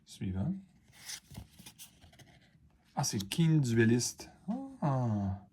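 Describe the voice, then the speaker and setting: A man's voice: mid-range voice, lively intonation, extremely slow, dark tone, slight background noise. A man with a Quebec French accent, chatting casually to camera as he opens cards and reacts to each one, rambling with fillers and asides. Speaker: card-opening video host. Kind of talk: casual unboxing chat to camera.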